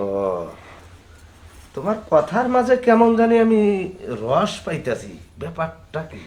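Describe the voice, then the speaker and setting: A man's voice: sits high, big pitch swings, unhurried, a little mellow. A man playing an old grandfather who has just married a young bride, bossy and suspicious in a comic drama. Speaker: old groom. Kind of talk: comic audio drama acting.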